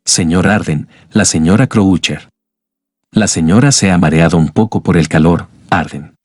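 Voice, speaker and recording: A man voicing a formal, courteous plantation manager in an audiobook, speaking quietly. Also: low-pitched, normal speed, dry recording, studio quality. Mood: polite. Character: polite plantation manager giving orders.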